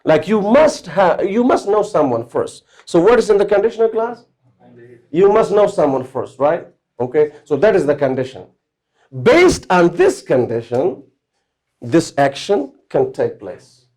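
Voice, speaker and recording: A man's voice: high-pitched, very animated, measured pace, a little mellow. A man teaching English grammar to a class of students. He explains step by step and keeps checking whether they understand.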